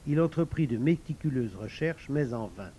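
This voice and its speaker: A man narrating an audiobook with expressive storytelling. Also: mid-range voice, normal speed, dull audio, a little hiss or hum.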